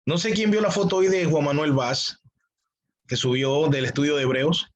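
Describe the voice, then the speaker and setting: A pastor teaching a church theology class, emphatic and full of rhetorical questions. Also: male voice, on the high side, fairly even intonation, normal speed, low-quality recording. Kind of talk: teaching sermon.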